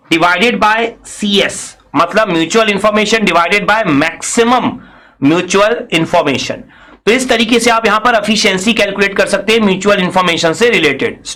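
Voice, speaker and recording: A man's voice: high voice, pushed and bright. A man giving a recorded engineering lecture, explaining step by step, asking and answering his own questions, and mixing in English technical phrases.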